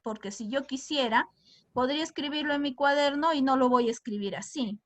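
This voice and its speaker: A woman's voice: high voice, a little fast. A young woman teacher, explaining to her class and asking them questions often. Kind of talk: classroom lesson.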